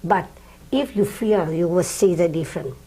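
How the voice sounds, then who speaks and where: An older woman, a piano teacher, speaking halting non-native English in an interview and counting beats aloud. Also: on the low side, poor audio. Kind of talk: interview with demonstration.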